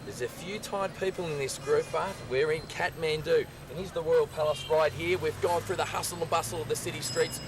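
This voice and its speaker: An upbeat Australian host fronts a travel documentary, addressing viewers in a fairly high, fairly quick voice that barely pauses. Some lines go straight to camera while others are scripted narration, all captured outdoors amid noisy ambient sound.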